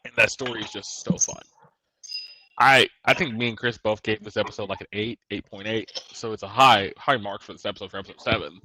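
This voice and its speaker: A man's voice: on the low side, steady tone, a little fast, bright, forceful tone, no room sound, poor audio. Male co-host, casual rambly talk, dry close sound. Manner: rambling, restarts sentences often. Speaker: podcast co-host. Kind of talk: casual chat.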